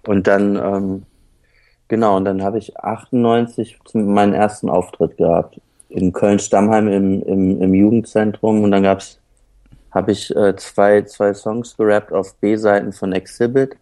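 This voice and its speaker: A man from northern Germany, a guest on a casual podcast, reminiscing in a rambling, halting way. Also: on the low side, level tone, dark tone, no echo.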